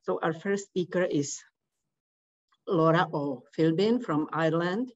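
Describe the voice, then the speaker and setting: An older Czech woman moderating a conference session in halting non-native phrasing over a video call. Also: on the low side. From Czech Republic. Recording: muffled video call audio.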